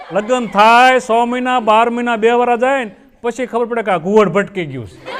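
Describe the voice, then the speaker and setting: A man's voice: very high-pitched, fairly bright tone. A man telling folksy comic stories on stage and acting out his characters' lines. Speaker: folk comedian. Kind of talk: stage comedy storytelling.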